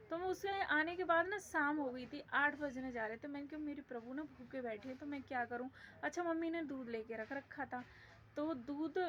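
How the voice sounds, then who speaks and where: A high-pitched woman talks through a long family grievance, rambling and aggrieved. Her voice runs over a steady din of shop and street noise in a small store. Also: muffled recording. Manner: chatty, rambling, aggrieved retelling of a family quarrel. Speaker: vlogger. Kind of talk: casual storytelling vlog. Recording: noisy background from a busy shop.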